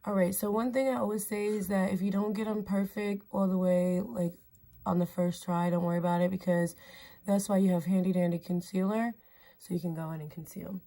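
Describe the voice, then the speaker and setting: A woman's voice: mid-range voice, fairly even intonation, a little fast, warm tone. A woman hosting a casual makeup tutorial vlog, talking in a chatty, playful, slangy way. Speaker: beauty vlogger host. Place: indoors by a mirror.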